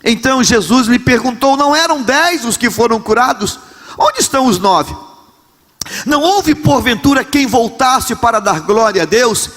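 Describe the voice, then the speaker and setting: With a very high, animated voice at a moderate pace, a man preaches a Pentecostal sermon as pastor of a large church, carrying a long reverb tail. His Rio de Janeiro Brazilian Portuguese accent comes through as he speaks passionately, often shouting and repeating phrases.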